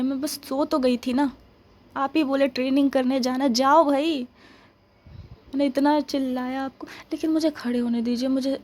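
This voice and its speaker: A woman's voice: high voice, a little mellow, slight background noise, close to an everyday voice. A woman voicing a young woman stranded behind enemy lines in an ASMR role-play, grumbling to herself and pleading with stammers. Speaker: ASMR roleplay performer.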